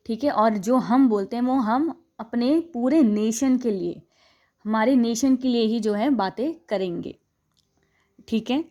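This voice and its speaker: Mellow-voiced woman teaching a history lesson. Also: fairly high pitch. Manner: reads English lines slowly, then explains in Hindi-English mix with frequent "theek hai"; self-correcting, stops to fix pronunciation. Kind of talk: classroom lecture explaining history notes.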